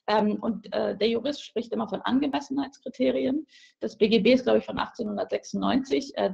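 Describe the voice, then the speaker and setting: Middle-aged woman on a phone line, lots of ums and restarts, gravelly voice, muffled audio. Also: on the high side, a little mellow. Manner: earnest, argumentative, many fillers and restarts. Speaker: ministry official on a panel. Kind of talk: policy panel statement by phone.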